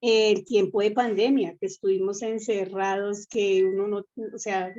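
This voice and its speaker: A woman's voice: mid-range voice, little pitch movement, normal speed, mellow, lo-fi sound. A woman from the congregation giving a casual testimony, chatty and laughing between thoughts. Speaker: congregation member. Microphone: online meeting.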